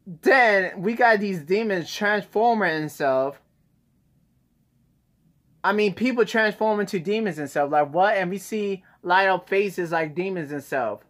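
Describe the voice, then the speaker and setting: This young adult man's voice is high and a bit bright, moving at a measured pace as he chats informally as a reaction video host, full of exclamations. The noisy home recording was made on a phone indoors in a small bedroom.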